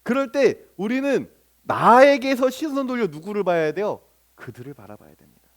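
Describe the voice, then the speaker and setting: Lively high-voiced preaching man. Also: moderate pace. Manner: asks the congregation questions and answers them himself; acts out remarks of church members and strangers in little sketches. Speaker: pastor. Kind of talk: sermon.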